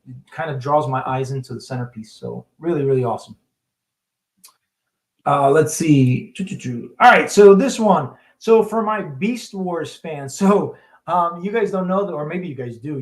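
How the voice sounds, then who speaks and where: A man with a slightly high voice hosts a casual livestream and comments on artwork. He rambles along in a chatty way and keeps restarting his sentences. The room around him is echoey. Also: normal speed. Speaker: host.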